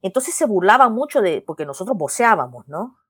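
A woman's voice: mid-range voice, big pitch swings, brisk, fairly bright tone, slightly rough, no echo. A middle-aged woman from El Salvador, a poet talking casually in an interview, thoughtful and restarting her sentences, ending points with a questioning tag. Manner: thoughtful, with frequent restarts and "¿no?" tags.

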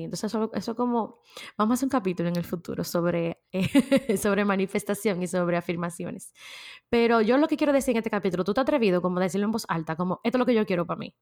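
A woman with a Dominican accent hosting a motivational podcast. She talks in an emphatic, conversational way, leans on filler words and laughs often. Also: mid-range voice. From Dominican Republic. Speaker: podcast host.

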